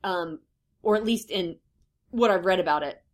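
A podcast co-host in her thirties talks casually at a moderate pace. She has a lower voice with vocal fry and a reflective, hesitant style peppered with ums.

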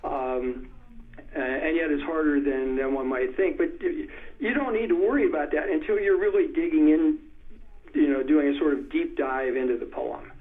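Interview guest, male, on a tinny phone line, fairly high voice, hesitant and thoughtful, leans on the stressed beats when reading verse. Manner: thoughtful, hesitant with many ums, recites verse slowly with stress. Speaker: poetry expert guest. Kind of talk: conversational interview.

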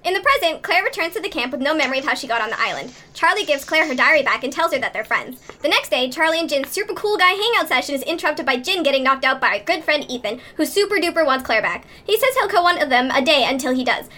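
A woman podcast co-host reading a quick episode recap with snarky, playful asides. Her voice is sped up so it sounds like a chipmunk. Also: high voice, animated, sharp tone.

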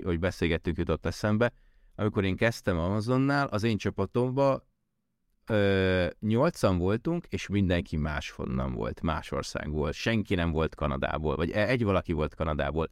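A man's voice: sits low, lively intonation, no room sound, clean studio sound. A man from Hungary talking casually as an interview guest, often rephrasing and circling back mid-sentence. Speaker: podcast guest, tech worker who moved abroad.

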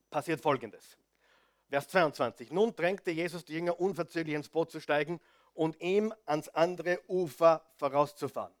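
A lively male preacher with a higher voice delivers a sermon that includes Bible reading. He's animated and speaks directly to the audience, swinging between soft asides and loud emphasis.

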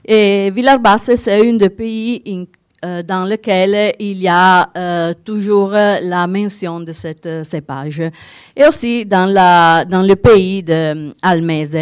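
A woman with a noticeable Italian accent gives a presentation as a non-native speaker. Her delivery is slow and hesitant as she hunts for words. The voice is smooth and clear, captured close and dry. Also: mid-range voice, fairly even intonation, no echo. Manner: halting, searching for words in non-native French. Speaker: winegrowers' association representative giving a talk. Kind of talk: conference presentation.

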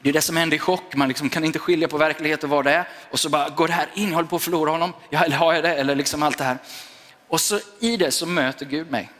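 A man's voice: a little high, steady tone, fairly bright tone. A middle-aged man preaching a sermon as a pastor, telling a personal story with a few English asides. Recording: long reverb of a church hall.

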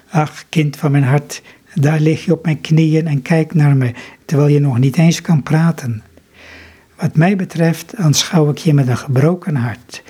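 A man's voice: a little high, dark tone, husky. A man reading the lines of a grieving medieval monk who tenderly takes in a baby, in an earnest read-aloud way.

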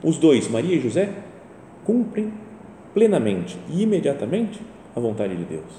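A man's voice: very animated, moderate pace, mellow. A man giving a conversational sermon, often checking in with "né?" and lifting his voice for emphasis. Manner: conversational, rises in pitch and volume for emphasis, often asks "né?". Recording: echoey hall with faint rumble.

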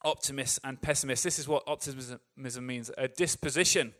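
A man's voice: medium pitch, moderate pace, a bit bright. An English man preaching a sermon, talking to a crowd in a chatty way with joking asides and acting out voices as he goes. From England. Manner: acts out optimists' voices with rising energy.

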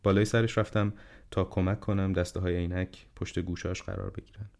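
A man narrating an audiobook in a measured, quiet storytelling manner. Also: deep voice, little pitch movement.

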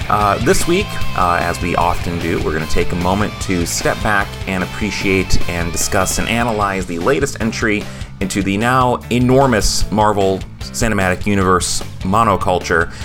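A man's voice: low voice, moderate pace, music in the background. A man, hosting a casual podcast chat and rambling with many fillers. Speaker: podcast host.

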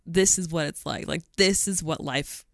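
Laid back podcast cohost, middle pitch, dry close mic, says like a lot. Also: moderate pace, creaky, no room sound. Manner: relaxed, lots of "like" and "sort of thing". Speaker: podcast co-host. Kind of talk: casual chat.

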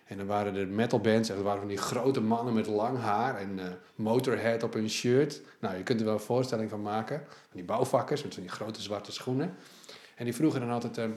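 Guy hosting a chat, jokey, laughs a lot, low voice, echoey room. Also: brisk, a little mellow. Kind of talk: casual conversation.

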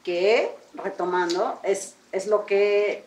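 A woman hosting an interview, asking questions and offering calm, reflective remarks. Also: mid-range voice, slow pace. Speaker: host. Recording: echoey room, distant mic, faint background noise.

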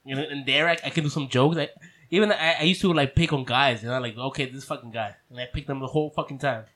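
A man's voice: mid-range voice, fast talker, a bit bright. A young man with a Mexican accent, chatting loosely and profanely with friends on a podcast, laughing often. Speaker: podcast co-host. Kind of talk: casual chat among friends.

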